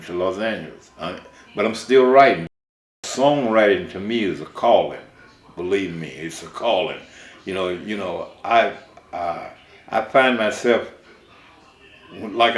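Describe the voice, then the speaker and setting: A man's voice: on the low side, reverberant. An older man from Mississippi, a songwriter, recalling his life in a rambling way with many restarts.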